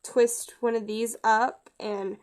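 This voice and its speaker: A woman giving a casual step-by-step craft tutorial, chatty and halting with frequent restarts. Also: on the high side, flat delivery, a little mellow.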